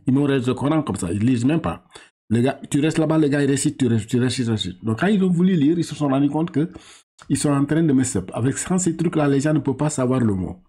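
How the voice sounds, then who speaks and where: A man's voice: mid-range voice, expressive, dark tone, breathy edge. A Senegalese man with a Senegalese French accent, patiently teaching a Quran reading lesson and drawing out syllables, repeating and correcting as he goes. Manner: patient, slow drawn-out syllables, repeats and corrects, halting restarts.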